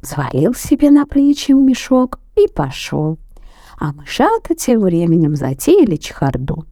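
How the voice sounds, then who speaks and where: A woman reads a children's fairy tale aloud in an expressive storyteller's voice. Her pitch rises and falls in a lively, singsong way, while her tone stays mellow and soft. The recording is dry and close. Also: measured pace, no echo. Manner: expressive, animated.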